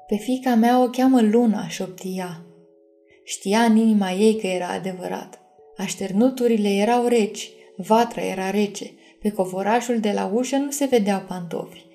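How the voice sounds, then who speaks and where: Mellow woman reading a storybook. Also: medium pitch. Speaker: audiobook narrator. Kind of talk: scripted storybook narration.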